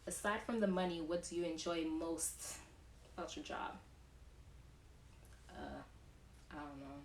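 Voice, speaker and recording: A young woman who works as a nurse, chatting casually and answering viewer questions in a lively way. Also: low voice, unhurried. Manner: chatty, animated when acting out patients. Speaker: nurse and show host. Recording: echoey room, distant mic, faint noise.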